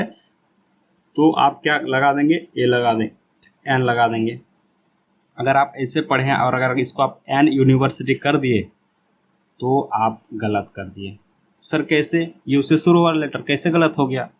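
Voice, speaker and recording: A man gives a classroom-style grammar lesson at a mid pitch. He talks patiently, repeats each example word slowly and keeps asking questions that he then answers himself. The recording is a little dull, with faint room noise under his voice. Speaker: English teacher.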